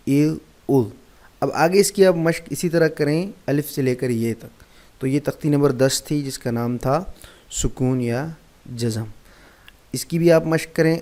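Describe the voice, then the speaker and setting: Male reading teacher at middle pitch, patient and methodical, repeats syllables three times each. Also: a little mellow. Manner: patient, repetitive drilling of sounds. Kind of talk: recitation lesson, spelling out syllables.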